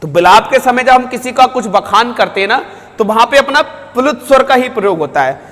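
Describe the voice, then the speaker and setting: High-voiced male teacher, echoing room. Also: expressive, fairly quick, a bit bright. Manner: asks questions and answers them himself; repeats key terms. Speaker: Hindi teacher. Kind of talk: classroom lecture.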